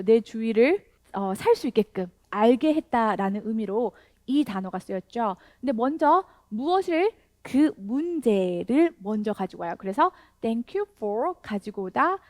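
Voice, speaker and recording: A woman teaching an English lesson, coaxing learners to repeat slow, drilled phrases step by step. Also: on the high side, darkish tone, no room sound.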